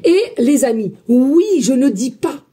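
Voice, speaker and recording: Loud, energetic woman medium chatting to viewers, husky high voice. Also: a little slow. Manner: loud, emphatic, energetic talk; chatty, addresses viewers as friends. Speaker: medium giving a spiritual guidance reading. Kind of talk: casual spoken guidance to viewers.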